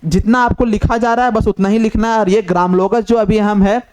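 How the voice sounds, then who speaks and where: High-voiced man teaching. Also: steady tone, a little fast, a little mellow, a little hiss or hum. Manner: repetitive, asks questions and answers them himself. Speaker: shorthand teacher. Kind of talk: classroom lesson explanation.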